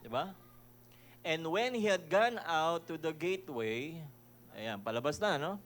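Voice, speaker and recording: A pastor from the Philippines giving a conversational sermon, mixing Tagalog and English, reading verses slowly and chuckling as he asks his listeners questions. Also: a little high, lively intonation, a bit bright. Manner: reads scripture verses slowly and deliberately; chuckles often, asks the audience rhetorical questions.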